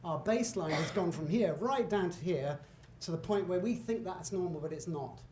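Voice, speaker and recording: A middle-aged British guest lecturer gives a public talk with slides in a lecture hall, conversational and emphatic, full of asides and self-corrections. His voice sits high with a darkish tone at a moderate pace, and the hall echoes with faint room noise.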